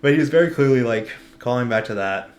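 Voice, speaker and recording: A man's voice: mid-range voice, animated, quick pace. A young man co-hosting a podcast, chatting casually about sports in a rambling way full of filler words. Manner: rambling, many "like" fillers, laughs often. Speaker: podcast co-host. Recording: echoey room.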